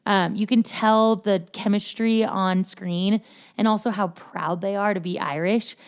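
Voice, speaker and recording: A woman's voice: medium pitch, steady tone, a little slow, clear, resonant tone. A woman hosting a casual movie review podcast, chatty and self-deprecating, with lots of fillers. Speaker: podcast host.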